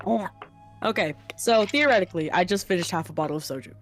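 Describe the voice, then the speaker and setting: A woman's voice: fairly low pitch, fast talker. A woman streamer chatting casually and laughing easily while playing a game. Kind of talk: casual chat over gameplay. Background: game music.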